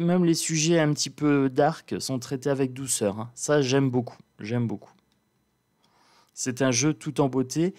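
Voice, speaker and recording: A man with a calm, slightly sleepy morning voice, chatting easily and playfully to his viewers. His pitch sits in the ordinary middle range, and he takes his time, relaxed and friendly, as he shows a deck of cards. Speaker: cartomancer presenting an oracle deck. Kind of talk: casual chat to viewers.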